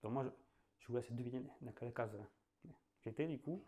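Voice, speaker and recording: Warm and fairly quick, his mid-range voice carries a southwestern French accent. In his late thirties, he teaches sales in a relaxed, conversational masterclass, leaning on fillers, restarting his sentences, and laughing at his own jokes.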